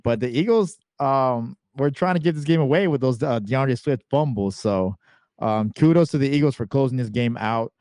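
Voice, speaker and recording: A man hosting a casual sports podcast, walking through game clips in a relaxed, chatty way. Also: medium pitch, normal speed, no room sound, clean studio sound. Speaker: podcast host.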